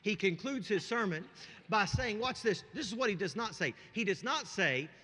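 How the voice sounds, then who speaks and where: Lively, high-voiced preacher in a reverberant church. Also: male voice, normal speed. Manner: swings from hushed asides to shouted emphasis; conversational, checks in with the congregation. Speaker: pastor. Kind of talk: sermon. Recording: long reverb of a large hall.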